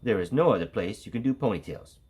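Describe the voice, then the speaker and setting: A man's voice: fairly low pitch, animated, fast, darkish tone, close to an everyday voice. A man voicing a fussy storybook mother with a questioning, sing-song delivery.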